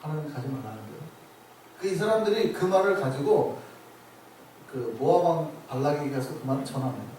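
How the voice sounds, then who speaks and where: A male pastor preaches with emphasis, often putting questions to his listeners. His voice sits a little high and moves a great deal. The sound is heavily echoey and picked up from far off, with faint noise underneath. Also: expressive, brisk, warm tone. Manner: emphatic, asks the congregation questions. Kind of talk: sermon. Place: church sanctuary. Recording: echoey church sanctuary from far off.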